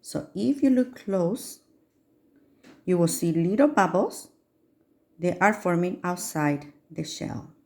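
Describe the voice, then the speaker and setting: A woman's voice: fairly low pitch, takes it slowly, vocal fry, pauses often, darkish tone. A woman with an upbeat, sing-song children's presenter manner, guiding young kids step by step through a science demonstration. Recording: echoey room.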